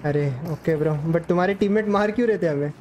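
A man's voice: sits high, fast talker, a little mellow. A man streaming a shooter game, chatting casually and joking with his chat and other players. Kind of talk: casual live gaming commentary. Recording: noisy game stream audio.

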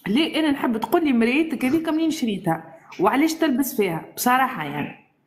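A woman's voice: sits high, animated, fast, a little hiss or hum. A woman calling into a live stream, teasing and mocking the host. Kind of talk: heated live stream debate.

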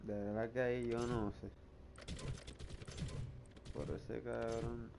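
A young adult man with a Puerto Rican Spanish accent chats casually in a vlog, crude and swearing constantly, often breaking into laughter. His mid-range voice has vocal fry and little pitch movement, and he takes it slowly. Background noise is audible.

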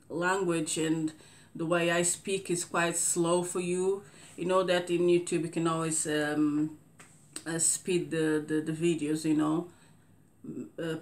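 A woman in her thirties with a Portuguese accent talks slowly and deliberately to camera. Her voice sits low and flat, with little rise and fall. She pauses often, filling the gaps with soft fillers and restarting her sentences. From Cape Verde. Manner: slow, careful speech with many fillers and restarts. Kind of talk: casual talking-head monologue. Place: indoors in front of a green screen.

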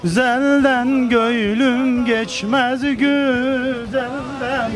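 A man singing a folk song slowly and drawn out in a restaurant. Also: extremely high pitch, fairly even intonation, music in the background. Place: restaurant indoors.

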